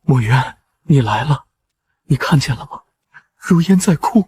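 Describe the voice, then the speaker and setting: An actor playing a sentimental, lovesick commander, mournful and melodramatic, in an animated drama. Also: male voice, mid-range voice, unhurried, slight background noise, natural voice. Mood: lovesick sorrow. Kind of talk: dramatized animated-comic dubbing.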